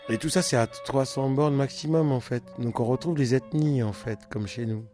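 A man's voice: mid-range voice, moderate pace, mellow, soft background music. A man with a Cameroonian accent, who grew up in Cameroon, speaks reflectively as a musician in a documentary interview and repeats phrases for emphasis.

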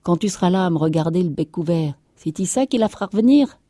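A woman reader voicing a quick-tempered peasant farmwife who scolds loudly in rough country speech. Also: lowish voice, lively intonation, no echo, studio quality. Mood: scolding. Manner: loud rustic scolding.

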